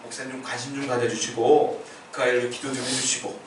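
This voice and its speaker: A man's voice: medium pitch, flat delivery, brisk, background noise, voice pushed down, natural voice. A male pastor voicing a devoted middle-aged deaconess who earnestly pleads for her son, heard in an echoey church hall from far off. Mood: pleading.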